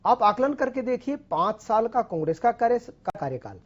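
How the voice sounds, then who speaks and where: A man's voice: very high-pitched, very animated, normal speed, dull audio. A man speaking as a party spokesperson in a TV debate, insistent and pressing to keep the floor. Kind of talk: TV news debate.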